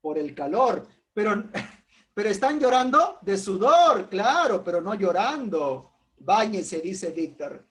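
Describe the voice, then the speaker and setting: A man's voice: sits high, sing-song, slow pace, a bit bright. A man teaching a philosophy class in an informal way, calling on students by name, asking rhetorical questions and making jokes.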